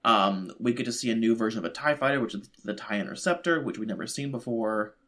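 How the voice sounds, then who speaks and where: A man's voice: fairly low pitch, fast, fairly bright tone. A man co-hosting a podcast who rambles in casual chat, full of "like" and "you know". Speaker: podcast co-host.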